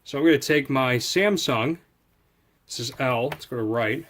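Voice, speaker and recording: This video channel host speaks at normal speed with a medium-pitched, fairly bright voice. He's a man doing an informal, off-the-cuff unboxing review, musing out loud while handling the products.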